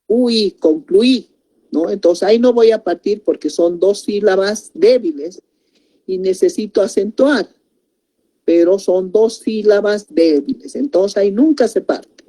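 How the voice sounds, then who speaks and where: A woman's voice: medium pitch, mellow. A woman teaching a grammar lesson, explaining step by step and breaking words into syllables.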